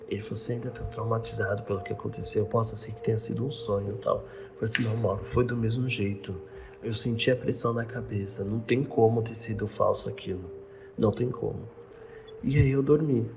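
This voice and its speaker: A young man with a Brazilian Portuguese accent recounting a personal experience in casual first person, retelling conversations with halting restarts. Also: lowish voice, vocal fry, darkish tone. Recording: noisy background ambience.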